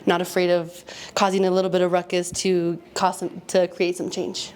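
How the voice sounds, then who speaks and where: Flat-voiced young woman, smooth tone. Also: fairly low pitch, moderate pace. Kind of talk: casual interview answer.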